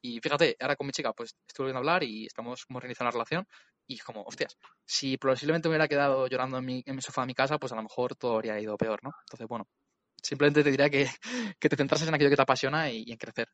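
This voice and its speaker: A man in his twenties with a Castilian Spanish accent, speaking as an entrepreneur guest in a casual, slangy, animated interview chat. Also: mid-range voice, racing, no echo, lo-fi sound. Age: 20s.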